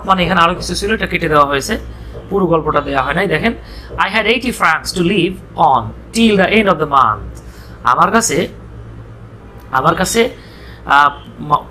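A man with a Bangladeshi accent teaching English, reading story lines slowly and explaining them with playful, teasing asides. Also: a little high, pushed and bright, a little hiss or hum.

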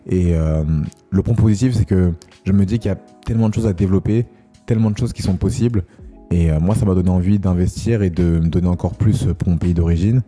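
Low, mellow-voiced man in his thirties. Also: fast, faint music behind. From Congo, Kinshasa. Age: 30s. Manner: relaxed, hesitant, many fillers. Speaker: co-host of a couple's channel. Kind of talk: casual chat.

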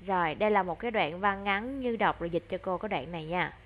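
A woman with a Vietnamese accent tutoring a child in English online, encouraging and slowing down to model English words clearly. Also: fairly low pitch, lo-fi sound, a little hiss or hum.

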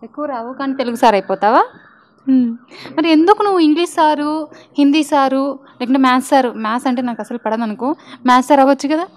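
A high-pitched young woman works as an anchor, chatting with children in a light, teasing way. She talks a lot and keeps asking them questions. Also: fast. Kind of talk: playful interview with children.

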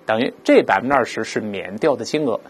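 Speaking in a fairly low, husky, animated voice, a man teaches English words, explaining them with rhetorical questions and slowly saying each one aloud for pronunciation practice.

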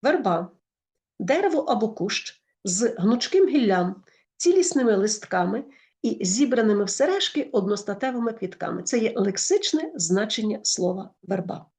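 A woman with a Ukrainian accent, explaining a school lesson in a lively way and correcting herself often. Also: mid-range voice, normal speed. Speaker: teacher.

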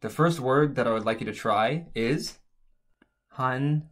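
A man with a mid-range, fairly bright voice narrates an instructional language lesson as a teacher, explaining each step in turn at a normal speed.

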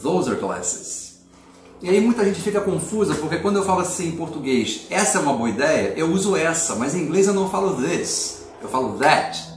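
A middle-aged man teaches a relaxed video lesson and lays out each point patiently and clearly. His voice sits a bit high for a man. It carries the echo of a room and sounds set back from the mic. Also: slight background noise. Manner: clear, patient explaining with slow model sentences. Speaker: English teacher. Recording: echoey room, mic at a distance.

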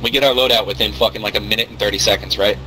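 A man's voice: on the low side, fairly even intonation, very fast, bright, forceful tone, poor audio. A man in casual, profane squad chat during a game, with a teasing storytelling manner. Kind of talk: casual profane gaming banter.

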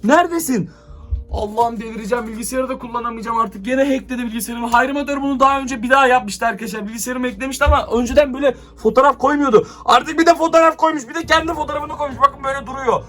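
A young male YouTuber films a staged, excited vlog at home on a handheld camera, frantically exclaiming and addressing his viewers nonstop. His very high voice comes out rapid-fire and a bit bright, with soft music in the background.

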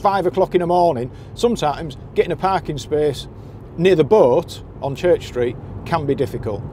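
A man's voice: on the high side, normal speed, warm tone. A man in a moving car giving practical, chatty directions to anglers as he drives. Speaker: boat skipper's guide to anglers. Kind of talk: casual driving commentary. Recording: car and road noise behind.

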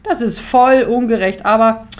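A woman's voice: on the high side, moderate pace, pitched above the performer's own voice, close to an everyday voice. A bossy nine-year-old big sister, voiced by a woman reading a storybook. She grumbles and scolds in a slightly raised voice. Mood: grumpy.

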